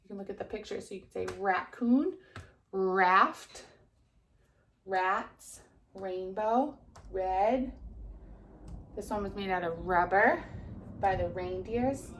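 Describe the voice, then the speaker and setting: Woman, kindergarten teacher voice, marked vocal fry, middling pitch, child-directed read-aloud. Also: brisk, slight background noise. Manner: kindergarten teacher voice, simple child-directed phrasing with stressed letter sounds. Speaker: preschool teacher. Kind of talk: circle-time lesson and read-aloud story for young children.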